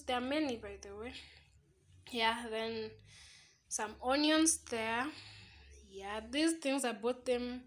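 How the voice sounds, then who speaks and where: Young Kenyan woman, vlogger, bright and fairly high voice, chatty phone tour of a small room. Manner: chatty, mixes Swahili words into English. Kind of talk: casual house tour narration. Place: small single room indoors. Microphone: phone camera held while walking.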